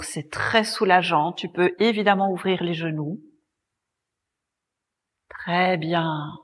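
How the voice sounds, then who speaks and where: A woman yoga teacher leading a class, calmly guiding breath and movement in a soft, breathy voice. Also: mid-range voice, in a large hall. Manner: calm, gently guiding, cueing breath and movement. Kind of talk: guided yoga class instruction. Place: yoga studio.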